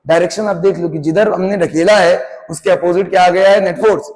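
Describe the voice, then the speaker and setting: High-voiced man teaching physics in an echoey classroom. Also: steady tone, brisk, a little mellow. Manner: asks the class questions to check they follow. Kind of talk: classroom lecture.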